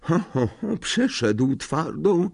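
A man voicing a fussy older female witch who runs a shop, in a high, drawn-out, humming voice. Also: sing-song, gravelly, a little mellow, breathy edge, heavily acted.

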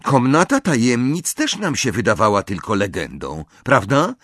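A man's voice: mid-range voice, very animated, moderate pace, a bit bright, no room sound, clean studio sound, pitched above the performer's own voice. Ron, a brash teenage wizard, voiced by a man. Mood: arguing. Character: blunt, cheeky teenage boy wizard. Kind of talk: audiobook reading.

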